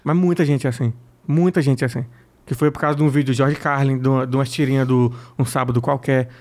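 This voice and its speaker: Brazilian man, comedian guest, rapid-fire and foul-mouthed, lively storytelling. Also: mid-range voice. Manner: blunt, profane, animated storytelling. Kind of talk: casual interview chat.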